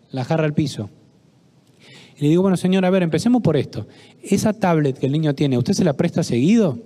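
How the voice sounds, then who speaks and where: A middle-aged man with an Argentine Spanish accent addresses a parish audience. His voice sits a little high yet sounds dark and mellow. He tells anecdotes, acts out the people in them and turns to the listeners with questions. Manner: storytelling, acts out dialogue, asks audience questions. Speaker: psychologist giving a parish talk. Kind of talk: conference talk with anecdotes. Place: parish hall.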